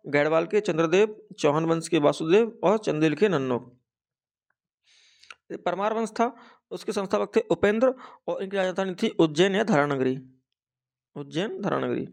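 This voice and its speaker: A young man with a Hindi accent teaching an exam-prep lesson, saying each fact twice as if for dictation. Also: fairly high pitch.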